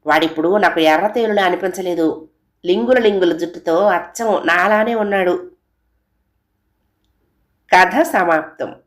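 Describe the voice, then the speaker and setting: A woman with a fairly low voice reads a story aloud at an even, unhurried pace. She slips into the characters' voices with small shifts. The delivery stays steady and clear. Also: reverberant. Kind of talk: audio story narration.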